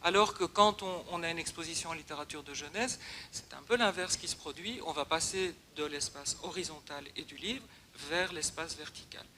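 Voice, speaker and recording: A woman's voice: low voice, normal speed, pushed and bright. A woman from Belgium, giving a conference talk as guest speaker and often restarting her phrases.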